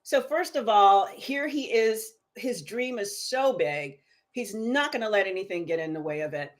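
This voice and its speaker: A middle-aged woman, a guest on an interview show, telling stories with a lively voice that rises as she gets excited. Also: medium pitch, normal speed. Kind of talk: storytelling interview.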